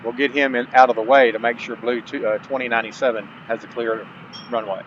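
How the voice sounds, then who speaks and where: A gaming channel host talks fast in a medium-pitched, fairly bright voice with fairly even intonation, walking viewers through a gameplay tutorial. He chats casually with folksy asides and reads on-screen instructions aloud, captured on a dull lo-fi mic with faint background noise.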